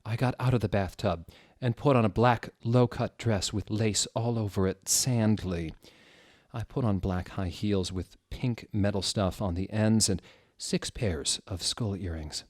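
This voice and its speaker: A man reading fan fiction gives a story a mock-dramatic, amused comedic performance. His lowish voice moves at a measured pace, theatrical and amused, and swings into loud exclamations. The sound is clean studio audio with no echo.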